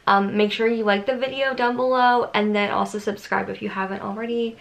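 Gushing, excitable woman vlogger. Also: mid-range voice, fairly quick, vocal fry, rough recording. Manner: gushing, excitable, chatty with many "like"s. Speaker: YouTuber reacting to a song. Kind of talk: casual fan reaction vlog.

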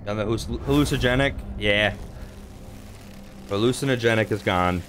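A man giving casual let's-play commentary while gaming, expressive and freely cursing. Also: fairly low pitch, normal speed, faint music behind. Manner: expressive, profane, excitable. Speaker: gaming streamer.

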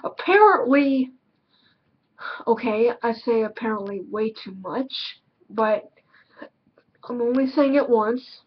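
A woman's voice: on the high side, expressive, slow pace, pauses often, lo-fi sound. A woman giving a casual film review, blunt and emphatic, repeating words for stress.

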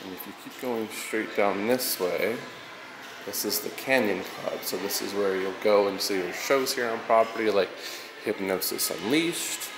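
A man narrating a casual walking tour as he moves through a casino, relaxed, with fillers and loose phrasing. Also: on the low side, a little slow, background noise. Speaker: tour guide vlogger. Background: loud casino music.

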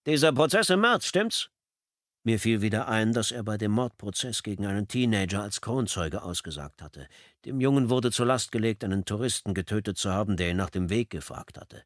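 Man, audiobook narrator, calm measured first-person reading, low voice, dry close recording. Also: no echo.

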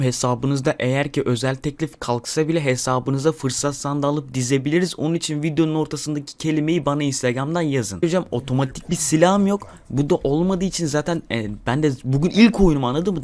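His voice slightly high, a young gaming streamer narrates his play with excited, profanity-filled commentary and chats directly with viewers.

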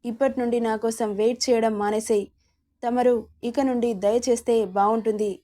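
A woman's voice: fairly high pitch, fairly even intonation, moderate pace, warm tone, close to an everyday voice. A woman reading a curt irritated young man. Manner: curt, annoyed.

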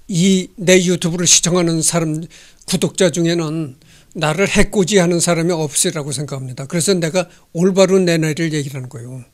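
An older man in his sixties talks through a history text at home, and his voice sits noticeably high for a man. He reads a line, then drifts into chatty asides, often asking his listeners rhetorical questions. He speaks into a handheld microphone in an indoor room. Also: unhurried. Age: 60s. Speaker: history channel host. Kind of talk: casual lecture reading and commenting on a text.

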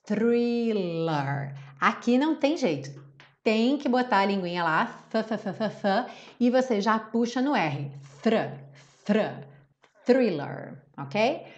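A Brazilian woman teaching English pronunciation, who reads the lines out slowly and then explains them quickly. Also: fairly high pitch, expressive, muffled recording. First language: Portuguese. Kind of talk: pronunciation lesson.

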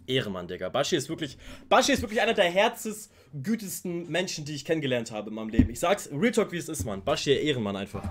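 A man reacting casually to a rap music video, excited and slangy, humming melodies along, with faint music behind him. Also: on the high side, fast talker, slight background noise. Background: rap music playing faintly.

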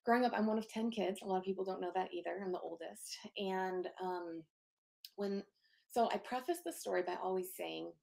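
Speaking from her home office over a video call, a guest in her thirties shares a personal story. She's soft-spoken and medium-pitched with a gravelly fry, candid and sincere, and her speech is full of filler pauses.

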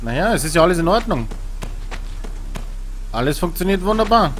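A man's voice: high voice, big pitch swings, brisk, a bit bright, a little hiss or hum. A man commentating nervously on a horror game he is playing, a scared and jumpy streamer talking to himself. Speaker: gamer, let's player.

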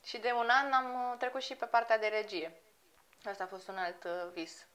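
A woman's voice: fairly high pitch, fairly bright tone. A woman in her thirties, a singer being interviewed, talking casually and laughing easily. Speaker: guest, singer.

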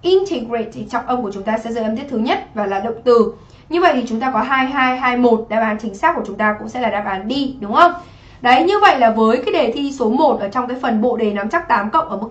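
A woman teacher with a fairly high voice works through exam questions one by one and keeps checking that her students follow. The sound is roomy, with a clear echo from the space she is in. She talks in a patient, explaining way. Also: fairly bright tone. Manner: explains step by step, often asks "right?". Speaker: English teacher. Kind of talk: exam review lesson.

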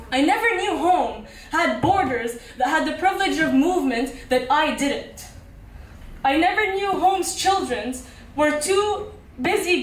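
A woman's voice: high voice, slight background noise. A young woman from Qatar performing spoken word poetry at an open mic in a small cafe, chatting before she recites in a rhythmic, repeating cadence. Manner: conversational intro, then rhythmic repeated-line recitation. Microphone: handheld mic, filmed by a far camera. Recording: roomy, distant camera recording.

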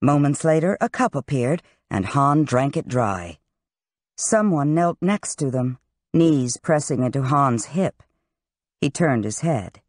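An audiobook narrator reading a fantasy novel with expressive, varied delivery. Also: medium pitch, slow, no echo, studio quality.

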